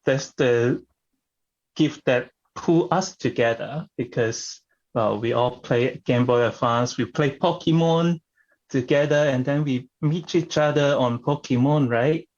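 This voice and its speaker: A man performing improvised comedy scenes, speaking haltingly as he searches for his words. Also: medium pitch, a little mellow, muffled recording.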